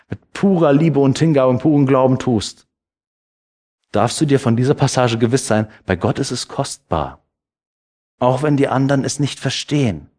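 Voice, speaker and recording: A man preaching a sermon, reading scripture passages with rising emphasis and dropping to a soft, low voice to comfort. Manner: animated, rises high when quoting scripture.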